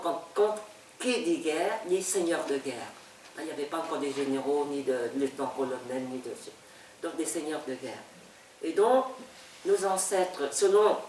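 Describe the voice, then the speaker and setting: A woman's voice: low-pitched, a little mellow, a little hiss or hum. Older Vietnamese-accented woman, echoey and distant. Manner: halting, repeats words, laughs often. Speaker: novelist. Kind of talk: reminiscing in an interview. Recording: echoey room, speaker off-mic.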